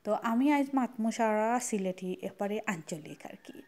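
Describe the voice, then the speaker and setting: A young adult woman with a Sylheti accent, chatting casually to camera as a vlogger, mixing regional dialect with standard speech in a soft, reflective way. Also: mid-range voice, lively intonation, moderate pace. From Sylhet, Bangladesh.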